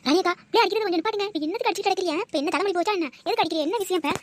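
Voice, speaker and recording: A woman's voice: very high-pitched, racing, background noise. A woman as a coaxing young neighbor woman. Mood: urgent. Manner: soothing, coaxing persuasion. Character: young married neighbor woman, caring peacemaker.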